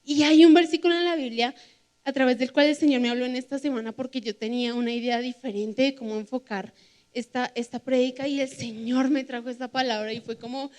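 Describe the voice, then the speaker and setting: Earnest high-voiced woman preaching. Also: fairly even intonation, brisk, a little mellow. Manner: earnest, emphatic, personal testimony. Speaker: youth preacher. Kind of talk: sermon. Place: church stage.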